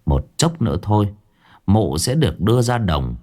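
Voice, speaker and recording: A man narrating a ghost story in a slow, dramatic storyteller's delivery, drawing out sound words. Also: fairly low pitch, big pitch swings, dark tone. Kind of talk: scripted horror story narration.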